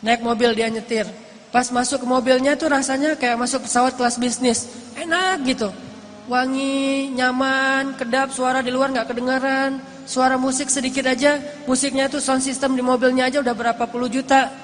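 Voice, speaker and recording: A man giving a sermon in casual, conversational storytelling, rising to emphatic peaks and dropping to hushed, slow lines. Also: very high voice, little pitch movement. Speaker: preacher. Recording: lecture hall with long reverb and faint noise.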